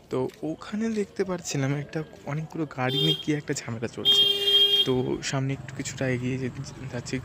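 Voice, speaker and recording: A man narrating a casual vlog, chatting straight to his viewers from a village. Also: mid-range voice. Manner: chatty, addresses viewers directly. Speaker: vlogger. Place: village outdoors. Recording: background noise and outdoor ambience.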